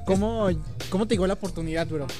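A man with a Mexican accent and a high voice asks questions as a co-interviewer. He speaks in a casual, friendly-slang register. Hip hop music plays behind him. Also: quick pace, dark tone. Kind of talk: casual chat.

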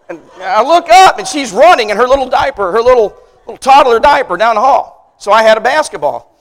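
High-voiced preacher in a reverberant church. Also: male voice. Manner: animated storyteller, rising loud on punchlines, then dropping low. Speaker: pastor. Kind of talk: sermon.

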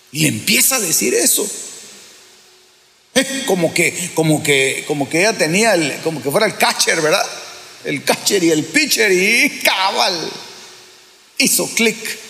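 A man delivers a sermon slowly, stopping and restarting as he acts out little quotes. His voice is slightly high and gravelly. It rings through a large, echoey church hall with a long reverb tail. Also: bright, forceful tone. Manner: preaching with acted-out quotes and many restarts. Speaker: pastor.

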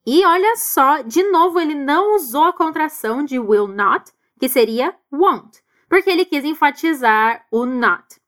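A woman's voice: high voice, animated, fairly bright tone. A Brazilian woman teaching English to Portuguese speakers, explaining grammar and having the listener repeat phrases after her. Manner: slow, deliberate modeling of English phrases. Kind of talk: language lesson with repeat-after-me drills.

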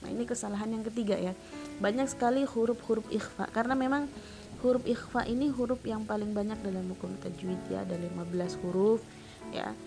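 A woman's voice: medium pitch, steady tone, a little fast. A woman teaching Quran recitation rules, patiently demonstrating each sound by repeating it. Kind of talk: tajwid lesson with spoken demonstrations. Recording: background music under voice.

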